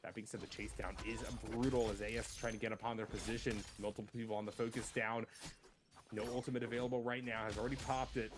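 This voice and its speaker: A man's voice: lowish voice, level tone. Male esports analyst, noisy broadcast. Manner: measured, explains the tactics of each fight. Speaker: esports color commentator. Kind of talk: analytical match commentary.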